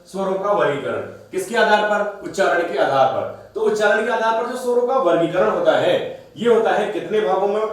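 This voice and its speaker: A man with a somewhat high voice teaches grammar, asking himself questions and then answering them. He sounds set back from the mic in a strongly echoing room. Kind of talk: classroom-style recorded lesson. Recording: very echoey room, voice from a distance.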